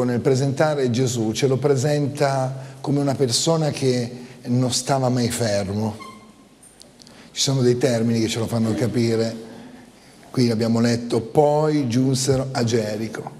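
A man's voice: medium pitch, a little slow, warm tone, a little hiss or hum. A male pastor reading scripture and preaching at a church service, building up with emphatic repeated phrases. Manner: reads scripture then preaches with rising emphatic repetition. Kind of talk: sermon. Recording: church hall with long reverb.

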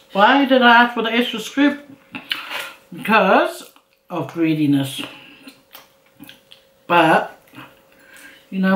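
Middle-aged woman, slow speech, medium pitch, casual eating-show chat, mouthfuls and little hums, roomy sound. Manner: talks between mouthfuls, with appreciative hums. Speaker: mukbang host. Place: indoor room at a table. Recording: roomy echo, clinking dishes.

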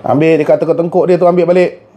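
A man's voice: a little high, flat delivery, fast, warm tone. A middle-aged man with a Malaysian Malay accent, a traditional healer talking to a spirit during a healing session, scolding, coaxing and threatening in turn.

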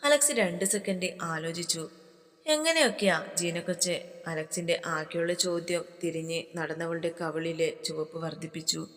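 A woman narrating a romance story with soft, steady storytelling. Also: low-pitched, normal speed. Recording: long hall reverb.

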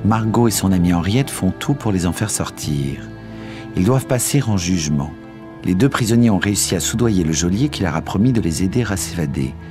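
A man narrating a classic novel in a measured storytelling voice over faint music. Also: deep voice, lively intonation. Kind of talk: scripted literary narration.

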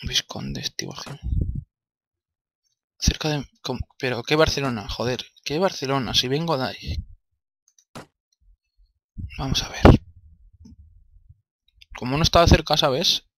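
A man's voice: medium pitch, takes it slowly, long pauses, pushed and bright. A young man from Spain with a Spanish accent, commentating his own gameplay, grumbling and swearing as he plays. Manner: exasperated, swears often, talks to himself. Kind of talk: let's play commentary.

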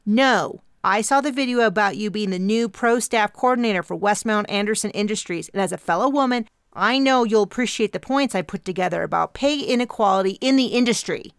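A fiery young woman in her twenties corners people with her grievances, jabbing out each point. Her voice runs high and insistent with a gravelly grain, as a woman narrator puts her on. It is recorded close and dry. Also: no room sound, natural voice. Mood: indignant. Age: 20s. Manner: insistent, accusatory, rapid-fire pitch. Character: intense young woman activist, pushy and indignant.

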